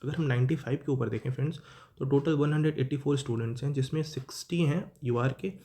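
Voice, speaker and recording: Young man, mellow dark tone, mid pitch, casual explainer, self-correcting. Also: fast talker. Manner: conversational, keeps saying "friends", self-correcting. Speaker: exam-prep YouTuber. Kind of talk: casual explainer talk to students.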